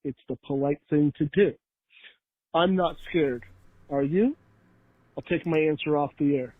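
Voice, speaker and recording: A man's voicemail is played back, and it sounds narrow and tinny, as through a phone line, with no room around it. He talks casually and confidently in a slightly high voice, upbeat and joking like a regular caller. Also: unhurried, dry recording. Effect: voicemail played over a phone line. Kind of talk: casual sports-fan phone message.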